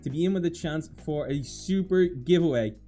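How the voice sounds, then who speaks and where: A man giving excited, dramatic, self-mocking commentary while playing a video game. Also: a little high, normal speed, faint music behind. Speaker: gaming YouTuber.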